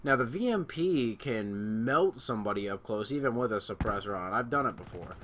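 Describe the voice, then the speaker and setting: A man giving casual commentary on a shooter game as a YouTuber, rambling with lots of fillers and getting loud at times. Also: lowish voice, expressive, moderate pace, a little hiss or hum. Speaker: gaming YouTuber. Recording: gameplay gunfire and callouts behind. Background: game sounds and gunfire.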